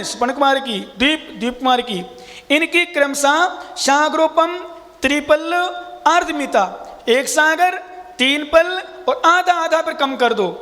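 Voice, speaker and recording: A man teaching scripture as a monk, his voice pitched very high and bright. He explains verses step by step and quizzes his listeners. His voice rings out in a large hall with a long echo. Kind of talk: scripture class lecture.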